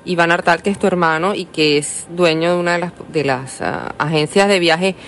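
A woman's voice: on the low side, moderate pace, a little hiss or hum. A woman hosting a radio interview who chimes in with enthusiastic remarks. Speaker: radio host. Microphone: studio microphone.

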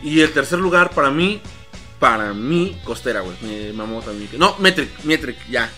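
A man's voice: medium pitch, expressive, normal speed, music in the background. A young man with a Mexican accent, co-hosting a casual podcast, slangy and enthusiastic as he tells stories. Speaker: podcast co-host. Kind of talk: casual chat.

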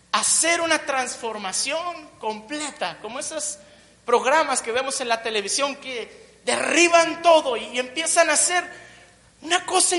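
A woman's voice: high voice, fairly bright tone. A woman preaching a sermon, building emphatic repeated phrases and tossing in joking asides. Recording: long reverb of a large hall.

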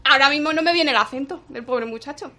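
A bubbly woman co-hosts a party game, chatting and laughing with the players. Her voice sits a little high. A crowd chatters behind her. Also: fast talker. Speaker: podcast co-host. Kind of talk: game show hosting, casual chat.

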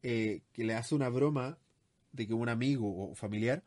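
A man's voice: medium pitch, moderate pace, a little mellow, dry recording. A man hosting a podcast, giving casual sales advice in a chatty way with many fillers and asides. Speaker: podcast host.

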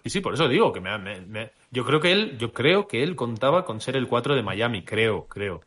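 A man's voice: mid-range voice, sing-song, normal speed, fairly bright tone, slightly rough. A man co-hosting a casual podcast, thinking aloud with many hesitations as he weighs his opinions. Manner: musing, hesitant, restarts often. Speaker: podcast co-host.

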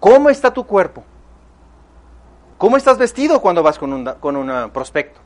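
A man's voice: sits high, very animated, moderate pace. A man with a Mexican accent giving an emphatic motivational seminar talk, addressing the audience directly. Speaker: motivational speaker.

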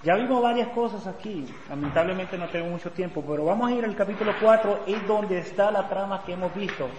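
Guy teaching bible class, fairly high voice, keeps repeating his points, big echoey church hall, faint noise behind. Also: brisk. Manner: explains by repeating phrases and acting out quoted dialogue.

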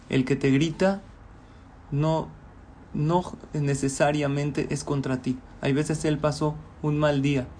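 A man with a fairly high voice tells a motivational story. His narration is lively and then turns calm for the advice, with faint ambient noise behind him. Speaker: motivational speaker.

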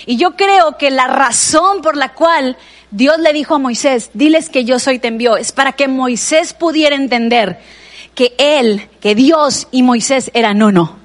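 A woman's voice: sits high, a little slow. A woman with a Mexican Spanish accent preaching a sermon in a conversational way, often turning to address the listener directly.

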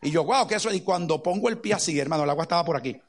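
A middle-aged man preaching a sermon as a pastor, telling stories with lively acted-out quotes. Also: fairly high pitch, very fast. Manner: animated storytelling with acted-out quotes.

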